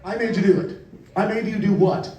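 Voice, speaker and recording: Loud teasing male emcee, heard from afar. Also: high voice, fairly even intonation, a little fast. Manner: loud, teasing, mock-outraged banter. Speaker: show emcee. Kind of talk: live comedic emceeing. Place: live outdoor show venue with audience. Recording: distant, echoey, with crowd noise.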